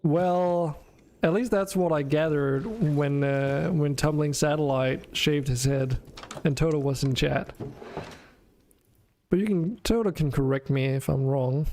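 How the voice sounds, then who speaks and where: A man's voice: fairly high pitch, unhurried, darkish tone, slight background noise. A man hosting a game stream, chatting casually and thinking aloud with some hesitation. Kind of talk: casual chat while playing a game.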